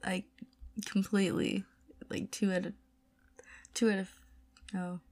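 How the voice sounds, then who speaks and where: Casting: laid-back woman, unhurried delivery, gravelly fry in the voice, casual co-host. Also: mid-range voice, flat delivery, a little mellow. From northern US. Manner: laid-back, brief replies, laughs often. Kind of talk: casual chat.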